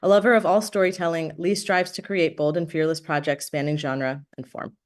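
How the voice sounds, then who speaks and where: A woman's voice: sits low, steady tone, fairly quick. A woman moderating a panel discussion, thanking organizers and introducing panelists with frequent fillers.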